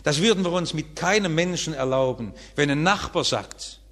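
A man delivers a sermon from the pulpit, pressing his points with sudden rises and falls in pitch and loudness. His voice sits a bit high for a man. Long reverberation from a church hall surrounds every word. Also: lively intonation, normal speed. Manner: emphatic preaching with wide swings in pitch and loudness. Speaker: pastor.

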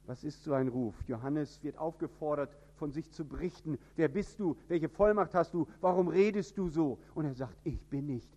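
A man from northern Germany with a standard High German accent, preaching an emphatic sermon. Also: moderate pace, hardly any pauses. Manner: emphatic, with sudden rises in pitch and loudness.

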